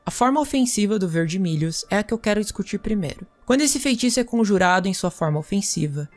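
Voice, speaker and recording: A woman playing a magic teacher, lecturing students in a measured, explanatory way. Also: mid-range voice, animated, darkish tone, faint music behind. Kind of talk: scripted role-play lecture.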